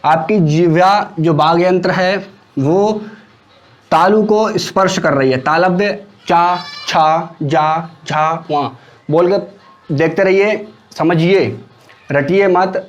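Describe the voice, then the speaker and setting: A man's voice: high-pitched, takes it slowly, highs cut off. A man teaching an exam-prep grammar lesson. He explains step by step and repeats each syllable aloud for students to copy.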